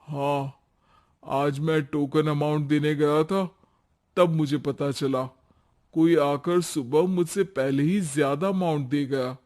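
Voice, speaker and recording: A man's voice: on the high side, steady tone, slow pace, a little mellow. A man voicing an easygoing young husband who reassures and argues with his wife in a cartoon story. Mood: reassuring. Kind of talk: cartoon voice acting.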